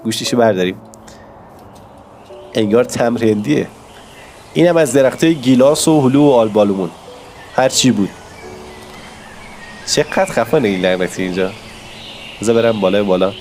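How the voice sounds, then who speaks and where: A man with a hoarse voice from a cold, chatting excitedly to his viewers as he comments on his own gameplay. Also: mid-range voice, long pauses, soft background music. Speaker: gaming YouTuber.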